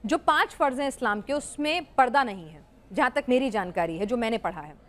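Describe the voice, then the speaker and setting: A woman hosting a heated televised debate. Her voice sits high, and she keeps pressing for a few seconds to speak. Her manner is persistent and pleading rather than forceful. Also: animated. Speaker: TV debate host.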